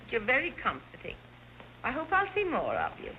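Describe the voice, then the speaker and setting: A woman's voice: fairly high pitch, huge pitch swings, fairly quick, a little hiss or hum. An actress playing a dazed, childlike society lady, plaintive and wandering through dreamy 1930s screwball comedy banter. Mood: fluttery, dreamy. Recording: thin tinny old film soundtrack, music behind.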